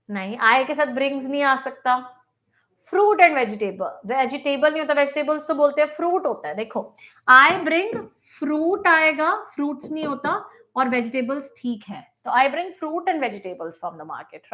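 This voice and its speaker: High bright-voiced Indian English teacher. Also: female voice, expressive, dull audio. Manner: mixes Hindi and English, reads sentences slowly then explains fast. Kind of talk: live online grammar class.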